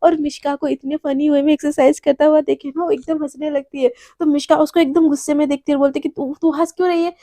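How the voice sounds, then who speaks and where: A woman storyteller narrating in an excited, chatty way. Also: high-pitched, quick pace, hardly any pauses, no room sound, clean studio sound.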